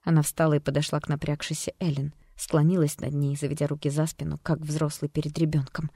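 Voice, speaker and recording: Measured audiobook narrator, dry sound. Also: mid-range voice, slightly rough, dry recording. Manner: even, measured reading.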